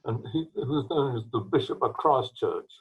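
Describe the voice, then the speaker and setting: Older man, husky and breathy, rambling storyteller; tinny video-call sound. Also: mid-range voice, lively intonation. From England. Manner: rambling, halting anecdotes with restarts and throat-clearing. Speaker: retired trombonist, interviewee. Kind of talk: storytelling interview. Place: at home.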